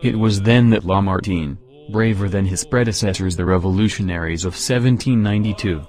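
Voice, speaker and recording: Male narrator for history reading, low pitch, measured delivery over soft music.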